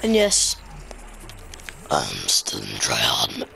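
Commentating her gameplay live, a woman with a Yorkshire accent gets excitable, breaking into shrill outcries between muttered asides. She speaks extremely slowly with vocal fry.

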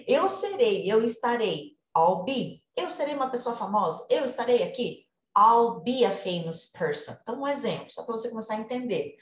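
A woman English teacher giving a casual online lesson, lively and chatty, swinging between explanations and example phrases. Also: mid-range voice, echoey room.

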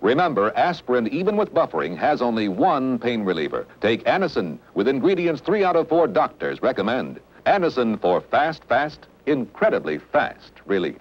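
A husky man delivers a scripted vintage commercial with lively intonation. His phrases are deliberate and punchy, and the old recording sounds muffled. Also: mid-range voice. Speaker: commercial announcer. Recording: dull old television commercial audio.

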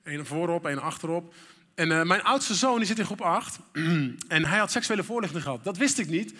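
A man's voice: on the high side, lively intonation, fairly quick, sharp tone. A middle-aged man preaching a sermon in a church, candid and conversational, with frequent fillers. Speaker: pastor. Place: church hall. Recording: reverberant church hall.

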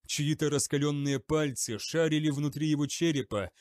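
A man reading an audiobook in a steady, dramatic narrating style. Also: fairly high pitch, moderate pace, dry recording, studio quality. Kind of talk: scripted narration.

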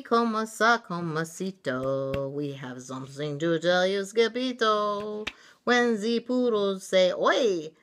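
A chirpy little poodle girl, as a woman puts her on in a storybook reading, lilting her words in a sing-song. The voice rides up and down with bright, lively swings. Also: medium pitch, slight background noise, pitched above the performer's own voice.

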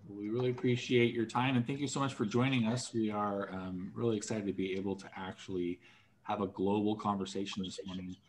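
A man moderating a recorded online panel, measured and with frequent fillers, over a video call. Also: fairly low pitch, fairly even intonation. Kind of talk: webinar moderation.

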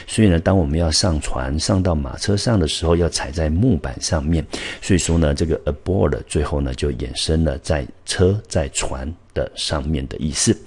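A man with a Taiwanese Mandarin accent, teaching English vocabulary patiently and slowing down on each English word. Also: extremely low pitch, a little mellow, slightly rough. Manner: patient, explains word by word, slows down on English words. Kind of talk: vocabulary lesson.

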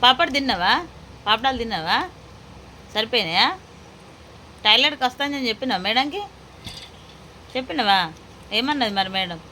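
A mother in her thirties with a Telangana Telugu accent talks to her children in a casual home vlog, asking question after question in a coaxing way and then softly explaining what she is cooking. Her voice sits a bit high and sounds bright and sharp. A faint hiss of noise runs underneath. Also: expressive, normal speed, pauses often. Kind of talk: casual family vlog chat. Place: home kitchen.

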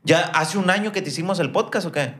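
A man's voice: high voice, fast talker, a bit bright, slight background noise. A man with a Sinaloa Mexican accent hosting a podcast, teasing his guest in crude slang. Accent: Sinaloa Mexican Spanish. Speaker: podcast host. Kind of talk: casual chat.

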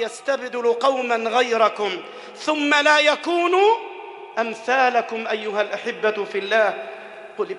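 High-voiced Egyptian preacher in an echoing mosque. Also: male voice. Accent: Egyptian Arabic. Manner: swings between soft lowered phrases and loud shouted climaxes; repeats phrases for emphasis, chants Quran passages. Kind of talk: Friday sermon. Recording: echoey hall with long reverb.

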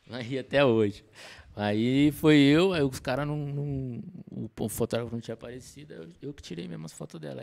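A man, telling his story as a podcast guest in a relaxed, slangy way, recorded on a desk mic in a small studio. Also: medium pitch, gravelly. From Campinas, Brazil. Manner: relaxed slangy storytelling, many fillers and self-corrections. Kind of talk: casual storytelling interview. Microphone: desk mic on stand.

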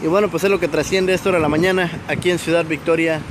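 This male reporter speaks very fast in a fairly high, mostly even voice, giving a casual, filler-packed live account of a crash from a busy street. The clip was shot on a phone with him out of frame, and the outdoor recording carries traffic noise.

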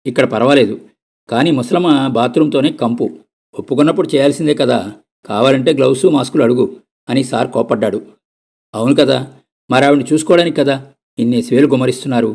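A male storyteller with a gravelly voice at a middle pitch. He reads a short story aloud in a steady, conversational manner. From Andhra Pradesh. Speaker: narrator. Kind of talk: storybook reading.

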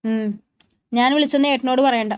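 A woman's voice: fairly high pitch, steady tone, a little fast, smooth, dry recording, close to an everyday voice. A woman voicing a teasing, protective young man. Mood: serious. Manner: teasing then serious.

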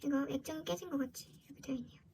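A woman's voice: high-pitched, very fast, darkish tone. A woman giving casual unboxing commentary as a vlogger, with a girlish, gushing fangirl manner. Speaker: vlogger opening collectible merchandise. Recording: clearly noisy background.

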